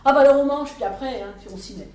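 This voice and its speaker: A woman's voice: high-pitched, very fast, darkish tone, natural voice. A woman storyteller voicing a tired, indignant old soldier with a blunt, folksy way of talking. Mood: gruff. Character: weary grumbling old male soldier. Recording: roomy live room, mic at a distance.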